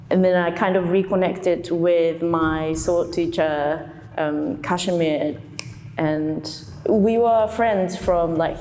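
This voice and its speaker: Soft-spoken woman. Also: lowish voice, big-room sound, slight background noise. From Japan. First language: Japanese. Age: young adult. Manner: hesitant, with many fillers. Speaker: dancer. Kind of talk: reflective interview talk.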